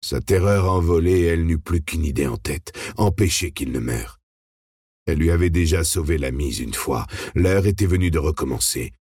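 A male audiobook narrator with an extremely deep, husky voice reads in a steady, dramatic way. The recording is dry and close-miked, with no room sound. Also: normal speed, dry recording. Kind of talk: scripted narration.

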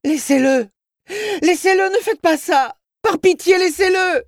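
A man's voice: very high voice, a little slow, gravelly, no echo, clean studio sound, voice pushed up, full character voice. A man voicing a terrified mother who screams and begs intruders to let her husband go. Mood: frantic, pleading. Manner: screaming, frantic pleading.

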